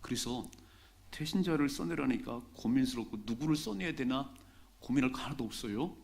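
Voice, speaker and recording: Middle-aged Korean pastor preaching conversationally. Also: male voice, mid-range voice, normal speed, vocal fry, a little mellow. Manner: conversational preaching, repeats key phrases for emphasis. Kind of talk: sermon. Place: church sanctuary during a Sunday service.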